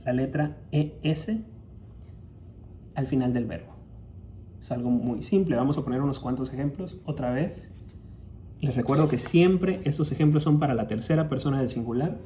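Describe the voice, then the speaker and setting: A man with a Latin American Spanish accent teaches a recorded grammar lesson, walking through each rule patiently. His voice is very dark and mellow. Faint room hum sits behind him. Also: medium pitch. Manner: patient, explains step by step, reads English examples slowly. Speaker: English teacher.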